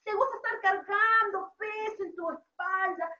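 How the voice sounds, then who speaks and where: Teasing storybook sheep voiced by a woman, high soft voice, roomy distant dull sound. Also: measured pace, heavily acted.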